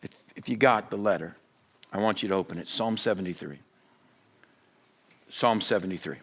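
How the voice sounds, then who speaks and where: A male pastor telling a comic story in a sermon, animated and rising in pitch as he gets excited. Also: moderate pace, husky. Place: church or conference hall.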